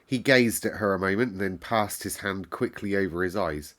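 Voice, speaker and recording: A man reading a classic children's novel aloud in a calm, measured storyteller's way. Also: sits low.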